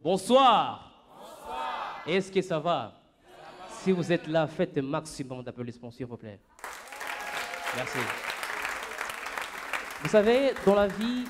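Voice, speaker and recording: A man performs stand-up in a club, his voice swinging widely between low asides and high sung or shouted bits. The audience can be heard faintly around him. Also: a little hiss or hum. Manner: playful, animated, jumps to falsetto and shouts for gags. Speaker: stand-up comedian. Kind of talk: stand-up comedy set. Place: comedy club stage.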